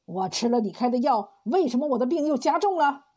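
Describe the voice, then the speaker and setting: A woman voicing a greedy, cruel male landlord who speaks in a loud, blustering way in a storybook tale. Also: sits high, expressive, fairly quick, breathy edge.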